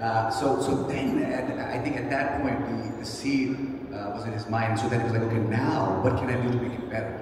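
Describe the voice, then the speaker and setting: A man's voice: lowish voice, noisy background. A man on a conference panel, talking enthusiastically and rambling with many fillers. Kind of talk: casual panel talk. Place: large conference hall. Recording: echoey hall recorded from far off.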